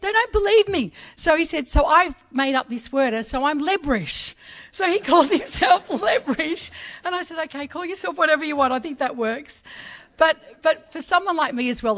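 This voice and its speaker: Her voice sits on the high side with a touch of brightness. A middle-aged Australian raised speaking Arabic, she delivers a warm, talkative, emotional speech at a public ceremony and slips into character voices as she tells her stories.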